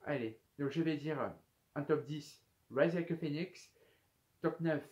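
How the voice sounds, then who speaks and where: A man's voice: a little high, unhurried, a little mellow, highs cut off. A man of twenty-one chatting casually to camera as a YouTube host, hesitant and full of fillers as he reads out viewer questions. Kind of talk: casual FAQ chat to camera.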